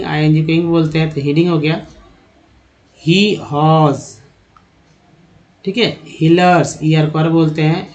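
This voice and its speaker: A man's voice: on the high side, a little mellow, highs cut off. A man teaching English pronunciation, spelling words letter by letter, repeating them and asking the listener rhetorical questions. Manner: addresses viewers as friends and asks rhetorical questions. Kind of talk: spoken lesson.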